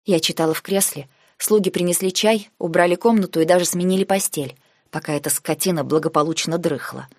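A woman narrating an audiobook in the first person, in a cool, measured and sarcastic manner. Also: fairly low pitch, darkish tone, dry recording, clean studio sound.

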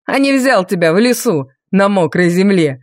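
A woman's voice: medium pitch, animated, moderate pace, no echo, studio quality, lightly acted. A woman voicing a sneering villainous viscount. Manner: sneering, taunting. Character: cruel mocking male viscount, menacing villain. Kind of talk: audiobook character voice.

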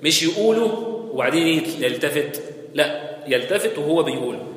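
A man's voice: on the high side, expressive, brisk, fairly bright tone. A man with an Egyptian accent giving a conversational hadith lesson in a mosque, often checking in with his listeners. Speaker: religious teacher. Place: mosque hall. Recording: very echoey hall with long reverb.

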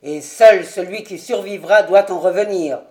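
A woman voicing a grieving, vengeful colonel in an audiobook, stern and loud. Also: medium pitch, a little slow, close to an everyday voice. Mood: furious.

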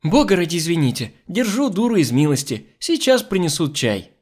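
A man's voice: high voice, wildly swooping pitch, moderate pace, voice pushed up. A man reading an audiobook, voicing a domineering, scornful society mother who scolds her maid. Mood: flustered. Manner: scolding, haughty.

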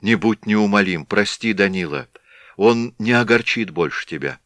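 A man's voice: fairly low pitch, moderate pace, fairly bright tone, dry recording, studio quality, natural voice. A man voicing a desperate young Cossack wife. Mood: pleading. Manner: impassioned, pleading, raised voice.

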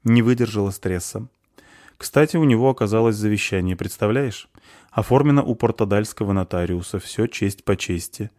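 A man's voice: fairly low pitch, moderate pace, dark tone, no room sound, lightly acted. A man playing a dry, unsentimental noble. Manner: dry, matter-of-fact.

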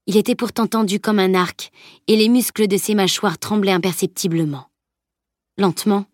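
A woman's voice: on the low side, no room sound, studio quality. A woman narrating an audiobook with a tense, dramatic reading.

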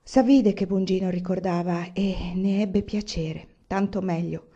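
A woman reading a novel aloud in calm, even audiobook narration. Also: medium pitch, unhurried, slightly rough. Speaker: reader. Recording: dull lo-fi recording.

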